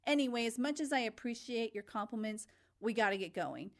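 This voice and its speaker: A woman voicing a breezy young wife who guides souls, talking briskly and staying calmly firm. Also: fairly high pitch.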